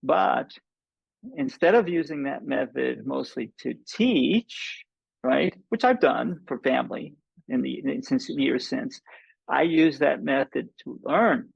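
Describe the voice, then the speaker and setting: A man in his seventies from the United States explaining casually and deliberately, repeating words and restarting phrases. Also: mid-range voice, animated, creaky, husky, dry recording, muffled recording. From United States, born in New York. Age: 70s. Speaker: polyglot language mentor and guest.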